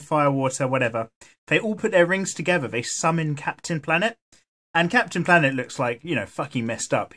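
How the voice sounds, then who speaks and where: A man chatting casually while he sketches, rambling and swearing as he goes. His voice sits a little high and is getting worn and hoarse. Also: a bit bright. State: losing his voice. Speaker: art vlogger. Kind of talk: casual chat while drawing.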